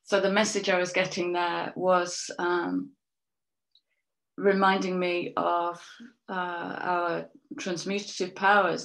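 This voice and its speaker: Low, gravelly-voiced woman reading tarot. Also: fairly bright tone. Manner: slow, musing, trails off and restarts; breathy little laughs between thoughts. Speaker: tarot reader and soul coach. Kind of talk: spiritual tarot card reading.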